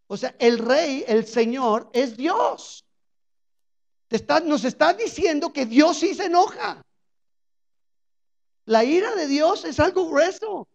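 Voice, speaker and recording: Gravelly-voiced woman preaching on radio. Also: high voice, darkish tone. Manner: conversational preaching with frequent rhetorical check-ins. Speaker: Bible teacher on a radio program. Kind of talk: radio sermon on a parable. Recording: dull lo-fi radio recording.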